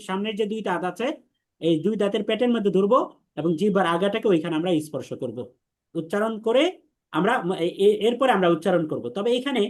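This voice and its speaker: A man leads an online class on Arabic letters. He speaks patiently, stretching out each letter sound and repeating it for his students to copy. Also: high voice. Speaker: Quran teacher.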